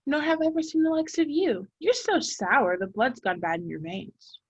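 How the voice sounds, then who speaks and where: A woman's voice: high-pitched, moderate pace, breathy edge, muffled recording. A woman playing a hearty, imperious Christmas spirit in a radio play, with a declamatory, commanding manner. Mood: bold, challenging.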